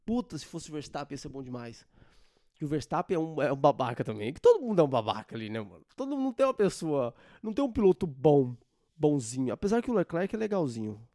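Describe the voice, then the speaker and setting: A man's voice: fairly high pitch, very animated, quick pace, mellow, dry recording. A young man hosting a solo podcast, ranting in an informal, slangy and sarcastic way into a close mic. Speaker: podcast host. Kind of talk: casual solo podcast rant.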